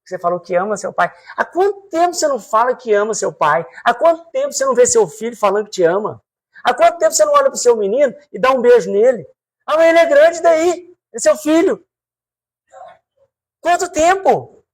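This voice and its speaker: A man with a Brazilian accent giving a spiritual reflection talk, swinging his pitch, slowing down for emphatic repetitions and asking the audience direct questions. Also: big pitch swings. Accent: Brazilian Portuguese. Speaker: spiritual speaker.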